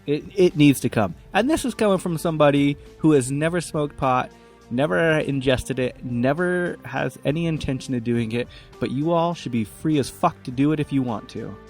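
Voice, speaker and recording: A man's voice: fairly high pitch, moderate pace, darkish tone, faint music behind. Profane joking man co-hosting a podcast. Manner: loose, profane, jokey. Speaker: podcast co-host. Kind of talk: casual podcast chat.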